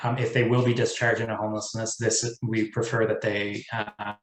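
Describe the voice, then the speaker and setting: A man giving a webinar presentation, pausing often with ums, his audio cutting in and out over a bad connection. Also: on the low side, little pitch movement. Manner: measured, frequent ums and restarts. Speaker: presenter on homelessness services. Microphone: video call. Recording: roomy video call audio cutting in and out.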